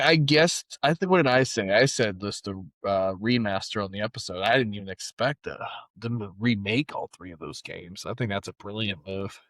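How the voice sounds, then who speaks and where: Young male podcast co-host, lowish voice, excitable and slangy, dry sound. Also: no room sound. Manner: excitable, slangy, curses casually. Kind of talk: casual gaming podcast chat.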